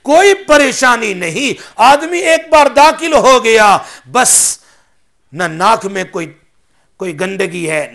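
A man's voice: high-pitched, fairly bright tone. A man giving a religious sermon, mixing in English phrases and asking his listeners questions. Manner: asks the audience questions. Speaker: preacher.

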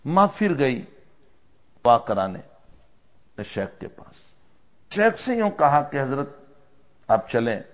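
A man preaching a sermon as a story, with emotive delivery that swells loud and then drops low. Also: creaky, lo-fi sound.

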